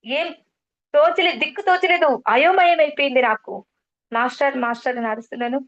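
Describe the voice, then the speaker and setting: A middle-aged woman with a lilt tells a personal spiritual story in a high, earnest voice. She repeats phrases and keeps addressing her interviewer as madam. The recording sounds muffled and lo-fi. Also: lively intonation, brisk, a bit bright. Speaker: guest sharing a spiritual testimony.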